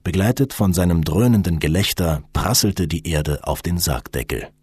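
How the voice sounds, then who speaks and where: A man narrating an audiobook in an expressive storytelling manner. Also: deep voice, normal speed, husky, no room sound, clean studio sound. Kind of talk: scripted narration.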